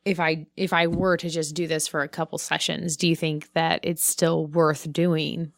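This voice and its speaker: A woman with a very low voice full of vocal fry asks hesitant questions on a casual podcast. Her sound is dry and close to the mic. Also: little pitch movement, normal speed, no room sound. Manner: questioning, hesitant, with many "like" and "I don't know". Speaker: podcast co-host.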